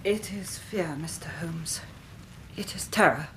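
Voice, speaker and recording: A woman's voice: low-pitched, slow, fairly bright tone, low-quality recording. Frightened Victorian young lady, English accent, formal, anxious, radio drama, slight noise. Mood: fearful. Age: 30s. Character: frightened, well-bred Victorian young woman, agitated and earnest. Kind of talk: period radio drama acting.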